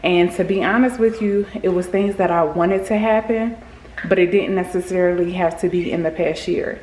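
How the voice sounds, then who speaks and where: A woman with a slightly low voice talks to her viewers in a loose, rambling vlog style. Wearing retainers gives her words a slight lisp. Background room noise is clearly audible on the recording. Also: steady tone, moderate pace, a little mellow, rough recording. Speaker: vlogger. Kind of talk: casual rambling chat to viewers.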